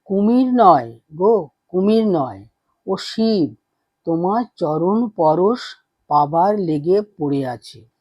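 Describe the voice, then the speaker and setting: A man's voice: sits high, animated, slow, pauses often, dark tone, slightly rough, dry recording, exaggerated voice. A man reading the lines of an affectionate, teasing female devotee in a devotional story. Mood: tender.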